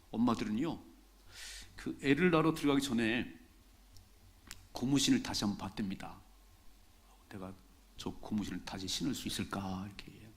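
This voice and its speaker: A middle-aged pastor preaches to his congregation in a relaxed, talky way, often saying a key phrase twice to drive it home. His voice sits at an ordinary pitch for a man, neither high nor low. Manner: conversational preaching, repeats key phrases for emphasis. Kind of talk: sermon. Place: church sanctuary during a Sunday service.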